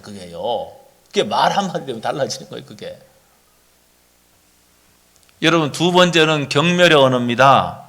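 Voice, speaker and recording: Lively, bright-voiced preaching man. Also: on the high side. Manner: animated preaching with rhetorical questions to the congregation. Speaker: pastor. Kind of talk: sermon.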